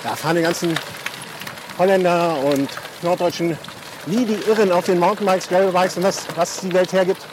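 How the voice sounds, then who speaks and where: Brief: higher-voiced male rider, joking banter, rainy outdoor noise. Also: fairly even intonation, moderate pace. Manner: joking, laid-back banter. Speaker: experienced gravel rider. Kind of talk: casual chat while cycling. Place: outdoors on a group bike ride in rain. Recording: loud outdoor wind, rain and traffic noise.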